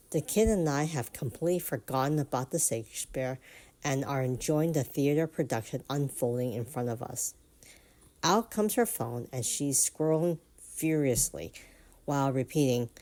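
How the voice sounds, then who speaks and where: A woman narrating online stories and reacting to them with amused, animated comments. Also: very deep voice, moderate pace. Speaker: reddit story narrator.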